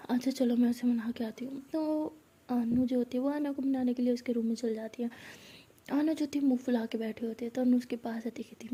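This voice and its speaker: Woman storyteller, high dark husky voice, soft half-whispered delivery. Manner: soft, partly whispered narration. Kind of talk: narrating a love story, voicing each character.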